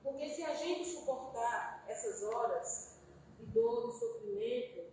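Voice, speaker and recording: A woman's voice: fairly high pitch, big pitch swings, measured pace, a little mellow. A woman giving a spiritist talk, telling a parable expressively and addressing listeners as brothers. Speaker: spiritist speaker. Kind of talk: sermon with parable storytelling. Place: spiritist center hall. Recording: echoey hall, distant mic, noise.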